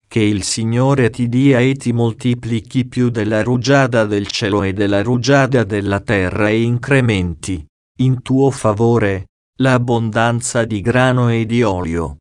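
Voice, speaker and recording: Slow solemn male scripture reader. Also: mid-range voice, a little mellow, no room sound, clean studio sound. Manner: slow, solemn, measured delivery. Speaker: audiobook reader.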